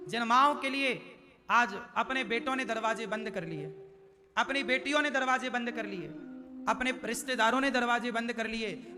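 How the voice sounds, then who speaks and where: A man's voice: very high-pitched, pushed and bright, long reverb tail. A man preaching a devotional sermon, telling a scripture story and chanting verses in a sing-song way, with asides to the audience.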